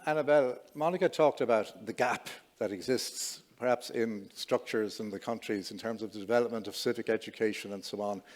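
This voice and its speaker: A man moderates a summit panel and puts questions to the speakers. He asks in a hesitant, halting way, restarting as he searches for words. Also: lowish voice.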